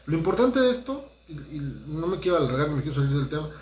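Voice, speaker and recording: A man's voice: fairly high pitch, sing-song, fast talker, darkish tone, echoey room. A man, a holistic therapist giving a conversational motivational talk and speaking straight to his listeners. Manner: conversational, addresses listeners directly, acts out quotes.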